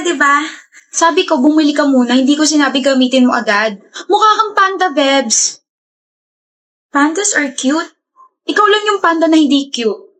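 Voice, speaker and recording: A woman's voice: high-pitched, fairly bright tone. A woman acting out short scripted comedy skits, bantering and teasing. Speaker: skit creator.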